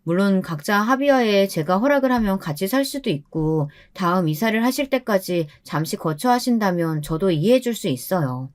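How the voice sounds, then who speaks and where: A woman narrating a first-person story in a scripted, expressive way, sounding indignant. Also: mid-range voice, normal speed, few pauses.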